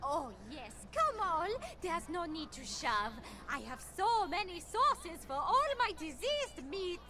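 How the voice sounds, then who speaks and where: A woman's voice: extremely high pitch, big pitch swings, slow, full character voice. A woman playing a brash, crude witch street vendor in a video game, wheedling and foul-mouthed.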